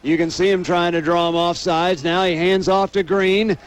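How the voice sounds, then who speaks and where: In this noisy outdoor stadium radio broadcast, an American announcer with a high voice delivers football play-by-play at a moderate pace. Steady ambient noise surrounds his call.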